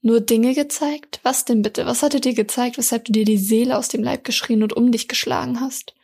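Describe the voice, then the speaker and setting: A sharp-tongued male incubus, read by a woman, mocking and grumbling. The voice is breathy and fairly high, flat in melody. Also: fairly quick.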